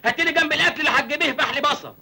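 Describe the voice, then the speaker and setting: A man's voice: very high voice, rapid-fire, pushed and bright, full character voice. An actor playing a cheeky, naive young village man with an Egyptian accent in a film comedy, joking and self-pitying.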